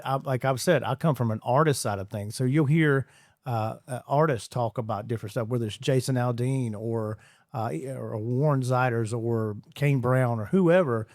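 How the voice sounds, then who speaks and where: Chatty and rambling, a man from Georgia, US, appears as a radio guest in a relaxed interview, full of fillers and repeated words. His medium-pitched voice is slightly mellow, and the dry studio sound has no echo.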